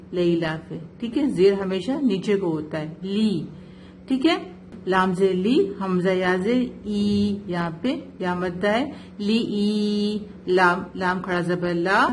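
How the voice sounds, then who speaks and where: A woman tutoring a student in Quran recitation, speaking slowly and deliberately. She breaks words into their letter sounds and keeps asking whether the student follows. Her voice sits in a middle register, with a faint noise underneath. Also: mid-range voice. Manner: patient, slow, spells out sounds and checks "ٹھیک ہے؟" often. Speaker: Quran tajweed teacher. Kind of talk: one-on-one recitation lesson.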